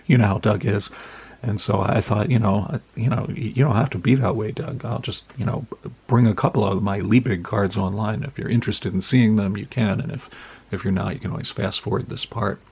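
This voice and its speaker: A middle-aged American man with a cold and a hoarse, raspy voice, chatting in a rambling, friendly way while opening card packages for his channel. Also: fairly low pitch, fairly even intonation, brisk, darkish tone. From United States. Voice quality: raspy, gravelly. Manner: rambling, friendly, many uh fillers. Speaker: card collecting vlogger. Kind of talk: casual chat while opening mail.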